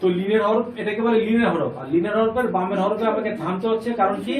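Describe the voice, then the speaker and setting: High-voiced man teaching in an echoey room. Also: quick pace, a crowd in the background. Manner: patient, repeats points and asks the class questions. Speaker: Quran reading teacher. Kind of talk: classroom lesson. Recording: echoey room, distant mic, faint noise.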